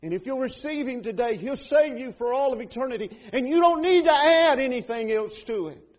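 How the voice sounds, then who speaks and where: A middle-aged man preaching a sermon, swinging between loud emphatic declarations and quiet earnest appeals. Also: extremely high pitch, lively intonation, brisk.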